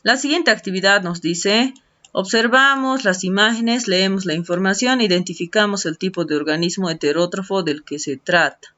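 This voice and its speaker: A woman's voice: mid-range voice, moderate pace, a bit bright. A patient woman teacher leads an online lesson, explaining each textbook activity step by step. She speaks in a mid-range voice, drawing out key words as she writes. The screen-recorded audio sounds dull and lo-fi. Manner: stretches out key words while writing.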